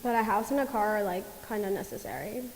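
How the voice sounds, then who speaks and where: A woman's voice: medium pitch, expressive, fast talker, close to an everyday voice. An actress playing a wry young woman who has been waiting to meet Death, in a stage musical rehearsal. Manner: dry, sardonic. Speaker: stage actor. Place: theatre stage at dress rehearsal. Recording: stage with long reverb.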